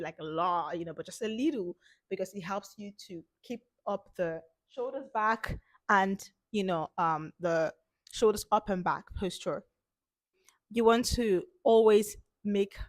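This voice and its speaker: In an informal instructional session, a woman coaching confidence speaks emphatically, circling back to her key points, with a touch of hoarseness from a cold. Her voice is mid-range, recorded at studio quality without room sound.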